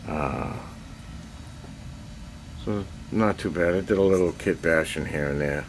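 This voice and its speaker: Older new guy rambling slow about his stuff, low voice, handheld cam in a cluttered basement, faint hum behind. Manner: rambling, self-deprecating, frequent throat clearing. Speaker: miniature painting hobbyist. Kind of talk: casual show-and-tell update. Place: cluttered basement hobby room. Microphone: handheld camera.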